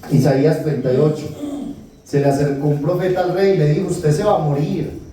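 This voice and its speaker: A man's voice: a little high, fairly even intonation, fairly quick, mellow. A man giving a retreat talk as a priest, telling scripture stories and acting out the dialogue with humor. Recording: echoey hall, distant mic, faint noise.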